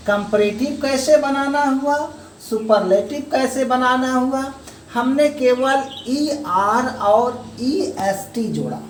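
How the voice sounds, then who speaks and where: A woman teaching an English grammar lesson, explaining slowly step by step and calling the viewers friends. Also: on the high side, a little hiss or hum. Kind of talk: classroom-style grammar lesson. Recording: echoey room, voice from a distance, faint ambience.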